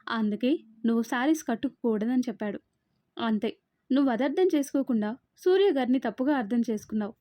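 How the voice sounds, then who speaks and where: A woman's voice: a little high, mellow, no room sound, lightly acted. A woman voicing a level-headed young woman who firmly explains things to her friend, in an audiobook novel reading. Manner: firm, explaining.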